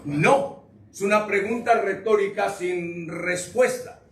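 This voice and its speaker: A man's voice: high-pitched, slow, a bit bright. A man preaching a sermon to his congregation, joking and firing questions at the listeners. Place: church sanctuary. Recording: echoey room, distant mic, faint noise.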